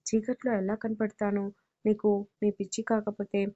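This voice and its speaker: A woman's voice: mid-range voice, level tone, normal speed, warm tone, dull audio, natural voice. A woman voicing a teasing, persistent young male suitor in an audio story. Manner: teasing, cheeky.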